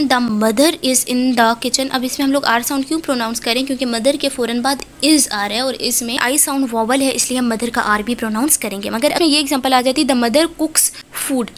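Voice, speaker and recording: A young woman with a Pakistani Urdu accent, teaching phonology from lecture notes and slowing down to spell out English example words. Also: sits high, a bit bright, slight background noise.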